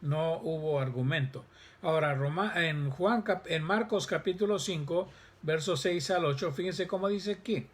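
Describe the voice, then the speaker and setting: A male pastor preaching a sermon, reading scripture aloud and pausing with fillers. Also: on the high side, breathy edge.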